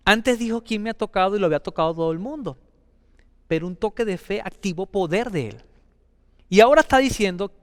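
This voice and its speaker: A man with a high, smooth, resonant voice preaching an emphatic sermon, repeating his key phrases and swinging from loud declarations to hushed, slow lines. His voice carries a long hall reverb. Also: studio quality.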